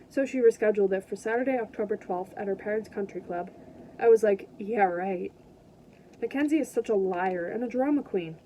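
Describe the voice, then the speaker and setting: Mellow-voiced teacher reading aloud. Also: female voice, mid-range voice, slight background noise, poor audio. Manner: gentle, caring sign-off to students.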